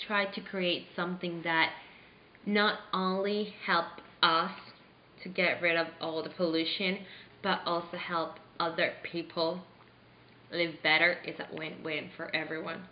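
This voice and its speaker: Young woman from Venezuela, low voice, earnest and halting, roomy slightly dull recording. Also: fairly even intonation, slight background noise. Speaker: interviewee playing a charity founder. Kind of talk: staged mock interview.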